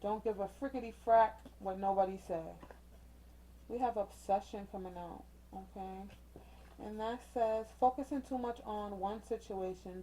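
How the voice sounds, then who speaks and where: A woman with a mellow, darker tone runs a casual card reading at home, talking straight to her viewers. She is chatty and encouraging, and she keeps checking in with a quick "okay?". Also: mid-range voice, rough recording. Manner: chatty and encouraging, uses slang and mild cussing substitutes. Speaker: tarot reader. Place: indoors with a ring light.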